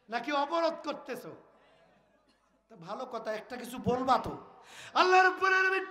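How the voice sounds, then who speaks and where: A high, bright male preacher with a northern Bangladeshi Bengali accent, telling a story in sermon style. He switches between acted-out lines, drawn-out chanting and loud calls to the listeners. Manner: chants Quran verses in drawn-out melody, shouts to crowd; acts out prophet's lines in rustic dialogue, scolds listeners.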